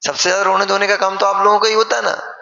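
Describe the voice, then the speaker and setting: A man, a monk, giving an animated sermon and acting out wailing mourners. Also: high voice, quick pace, creaky. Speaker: Jain monk preacher. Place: large sermon hall. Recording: echoey hall, dull lo-fi sound.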